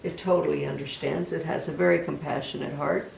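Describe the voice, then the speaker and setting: A craft instructor giving a casual step-by-step demonstration, talking gently and unhurriedly, even chatting to the project. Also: medium pitch, fairly quick, gravelly. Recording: echoey room, voice from a distance, faint background hum.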